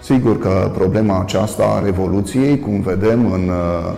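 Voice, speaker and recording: Male TV lecturer, gravelly and mellow, deliberate with many pauses; roomy reverb. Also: sits low, fairly even intonation, faint music behind. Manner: measured, halting with frequent "uh" pauses, stressing contrasting word endings. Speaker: priest and professor hosting a TV talk. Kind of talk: solo lecture-style commentary.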